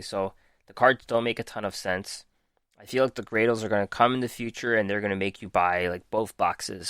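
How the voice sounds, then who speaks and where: A man's voice: fairly low pitch, fairly bright tone, clean tone, no room sound, clean studio sound. A man hosting a podcast, methodically reading out card text and reviewing it with frequent ums while losing his voice. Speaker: podcast host. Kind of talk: casual card game review.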